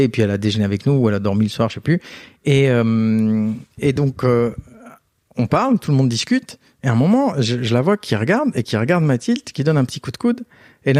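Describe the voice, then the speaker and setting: Man telling lively family anecdotes, dry sound. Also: mid-range voice, no room sound. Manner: animated anecdotes, acts out quoted voices. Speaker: guest, entrepreneur and father. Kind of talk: casual interview storytelling.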